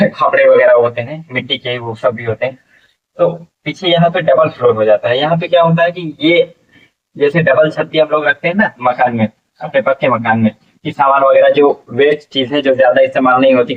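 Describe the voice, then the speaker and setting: A man teaching an English vocabulary lesson, explaining slowly and repeating each word, asking questions and answering them himself. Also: medium pitch, far from the mic, phone-quality sound.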